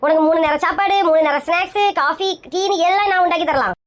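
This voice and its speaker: In a comedy sketch, a chatty woman with a Kanyakumari Tamil accent takes on the role of a scolding, bossy big sister, speaking fast in an extremely high voice.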